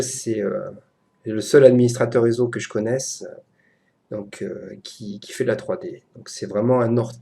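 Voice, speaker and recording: Gravelly, mellow-voiced French man teaching software. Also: medium pitch, slight background noise. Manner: chatty, hesitant, many fillers, addresses a friend. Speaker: 3D software tutor. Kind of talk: casual screen-recorded software tutorial.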